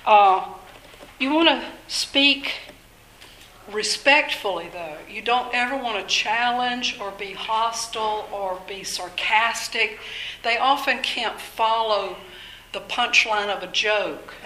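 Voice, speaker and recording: Older woman, earnest workshop speaker, unhurried delivery, echoey meeting room. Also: mid-range voice, pushed and bright, slight background noise. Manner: earnest, measured, faith-minded. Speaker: speaker at a workshop on mental illness. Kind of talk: informal talk to an audience.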